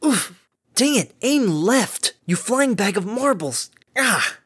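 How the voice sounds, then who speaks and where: A man voicing a brash, sarcastic adult female pegasus pony who yells taunts and mild curses. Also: sits high, big pitch swings, slow pace, husky, no echo, voice pushed up, heavily acted. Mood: frantic, exasperated. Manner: loud, sarcastic, cursing mildly.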